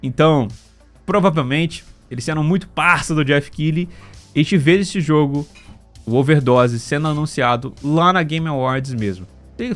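A Brazilian man giving casual, slangy gaming news commentary, often checking in with short tag questions. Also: a little high. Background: background music.

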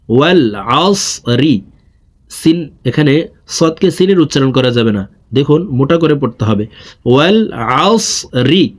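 A man with a Bangladeshi accent teaching Quran reading, spelling each letter and then drawing out the joined syllables, with quick plain explanations in between. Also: a little high. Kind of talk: slow spelled-out recitation lesson.

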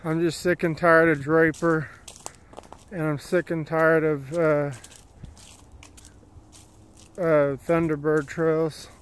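A man's voice: fairly high pitch, level tone, takes it slowly, long pauses, clean tone. Chatty man hiking a trail. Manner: chatty, plainspoken, rambling. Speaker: vlogger. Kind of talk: casual walking commentary. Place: wooded dirt trail outdoors. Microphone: handheld phone camera while walking.

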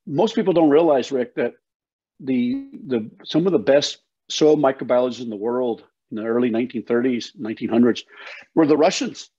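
With a warm, mid-range voice carrying a breathy edge, an older man talks at a moderate pace as a guest soil health educator. He gives a passionate, emphatic, folksy interview on a video call from his indoor home office, and the audio sounds slightly dull.

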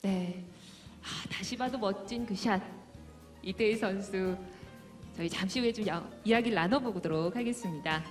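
A woman's voice: medium pitch, normal speed, faint music behind. A woman in her thirties co-hosting a formal awards ceremony from a script, speaking into a handheld microphone. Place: large banquet hall stage. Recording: echoey hall PA.

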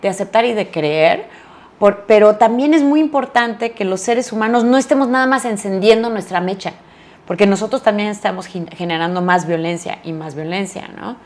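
Woman from mexico chatting in an interview, middle-aged, gets animated telling stories. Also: medium pitch, moderate pace. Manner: animated storyteller, acts out quoted lines. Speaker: actress, interview guest. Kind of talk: casual interview chat.

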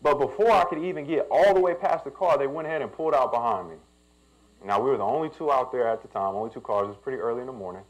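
A man's voice: mid-range voice, very fast, poor audio. A young man, a pastor telling a personal story in a sermon and building to emphatic preaching.

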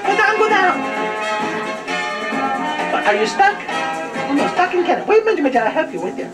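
A silly clown puppet chatters in a very high, wildly swinging voice. It is bumbling, eager and childlike, with broken English, over loud music at a live puppet show. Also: female voice, big pitch swings, moderate pace. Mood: excited, scolding. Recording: music playing, room camcorder recording.

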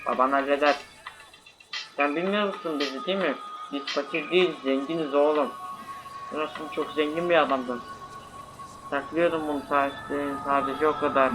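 A man's voice: fairly high pitch, steady tone, moderate pace, over music, natural voice, low-quality recording. A man playing a boastful, dismissive father who lectures and soothes his son, in an amateur short film. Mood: soothing. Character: boastful middle-aged father, calm and dismissive.

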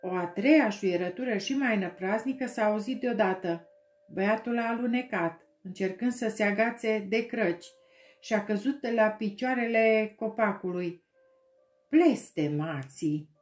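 A woman's voice: medium pitch, soft background music. Woman reading a story, echoey room. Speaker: audiobook reader. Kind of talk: audiobook narration.

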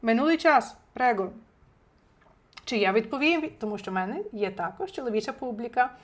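A woman's voice: on the high side, brisk. Chatty woman teaching a language lesson. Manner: lively, chatty, addresses viewers directly. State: recovering from illness, clears throat. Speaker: Italian teacher. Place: home, indoors.

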